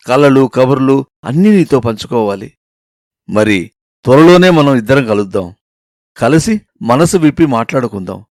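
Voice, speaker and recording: A man voicing a young male admirer reading out a doting love letter, soft and lingering. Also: medium pitch, dry recording, studio quality, pitched below the performer's own voice, close to an everyday voice.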